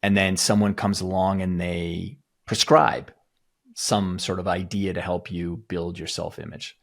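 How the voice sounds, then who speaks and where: A man's voice: low voice, little pitch movement, measured pace, gravelly. A man who coaches athletes on mindset, explaining his ideas emphatically as a guest in a podcast interview.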